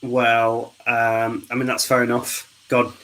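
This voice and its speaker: This charity live stream host is a chatty joker who teases the guests during a casual group chat on a video call. Yet his medium-pitched, fairly bright voice is monotone and slow. The audio is poor.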